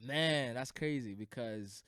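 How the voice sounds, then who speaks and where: A man's voice: mid-range voice, slow pace, fairly bright tone, clear, resonant tone, no echo, clean studio sound. A young man from Burundi, a guest DJ, talking in a laid-back, slangy way with plenty of "man" and "you know.". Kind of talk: casual podcast interview.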